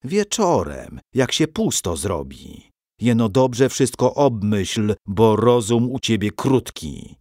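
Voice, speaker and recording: A man voicing a gruff robber chief who roars, mocks and orders others about. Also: on the low side, big pitch swings, takes it slowly, a little mellow, no room sound, studio quality, heavily acted. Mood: menacing. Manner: roaring, gloating. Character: gruff male robber chief, mocking and bossy.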